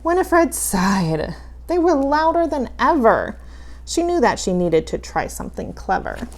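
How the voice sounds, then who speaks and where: A woman reading a children's story as a campy horror host, with dramatic, playfully spooky, drawn-out delivery. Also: on the high side, wildly swooping pitch, a little hiss or hum.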